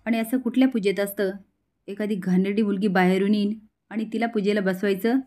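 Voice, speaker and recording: A woman's voice: medium pitch, fairly even intonation, brisk, mellow, close to an everyday voice. A woman voicing a spoiled, snobbish rich teenage girl who talks in an irritated, dismissive way.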